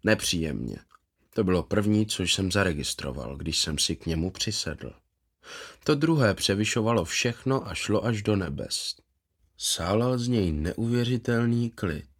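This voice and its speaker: Brief: male narrator, low voice, calm and measured first-person storytelling.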